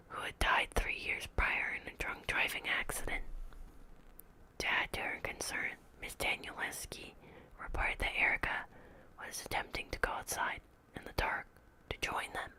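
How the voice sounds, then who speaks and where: A woman reading a horror story as whispered ASMR, in a hushed, creeping, measured manner like someone giving an official report. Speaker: ASMR reader.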